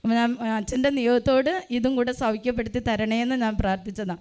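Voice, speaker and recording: A woman in her sixties gives a spoken church testimony, telling it plainly and often pausing on "um" to retell her own prayers. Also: fairly high pitch, fairly even intonation, heavy background noise. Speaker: parishioner giving a testimony.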